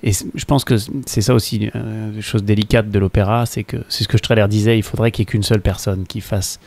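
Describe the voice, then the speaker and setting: A man from the opera world telling anecdotes in a relaxed chat, laughing now and then. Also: lowish voice, a little fast, creaky. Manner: anecdotal storyteller, laughs between points. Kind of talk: casual conversation.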